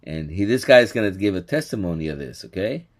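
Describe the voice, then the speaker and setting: Speaking a little fast in a low voice, a man offers casual scripture commentary on a clip as a religious teacher. He's animated, laughs frequently, and keeps asking "okay?".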